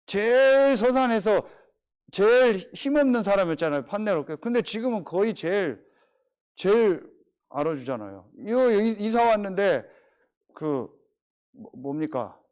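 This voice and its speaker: Storytelling in a clean-toned, remarkably high voice that rises and falls dramatically, a middle-aged male pastor preaches at a measured pace. The sermon is lively and conversational, and he repeatedly presses the congregation with rhetorical questions.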